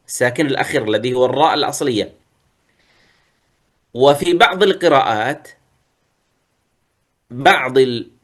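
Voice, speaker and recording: A man teaching a tajweed lesson, reciting verses slowly, then explaining and modelling pronunciations. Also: medium pitch, fairly bright tone.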